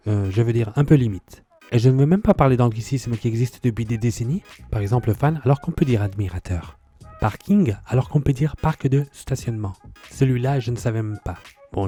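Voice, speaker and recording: A man's voice: medium pitch, dark tone. A man doing a scripted, comedic vlog commentary, sounding exasperated and sardonic as he mocks how people pronounce borrowed words. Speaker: vlogger.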